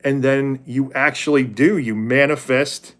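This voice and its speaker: A man's voice: mid-range voice, fairly even intonation, measured pace, a bit bright. Man, 40s, livestream host; candid, rambling faith talk with viewers. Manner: rambling and candid, often restarts and corrects himself.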